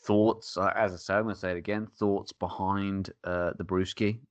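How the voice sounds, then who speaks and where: Laid-back male podcast co-host, low voice, dry close sound, casual beer-chat delivery. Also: level tone, moderate pace, no room sound, lo-fi sound. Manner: laid-back, laughing often.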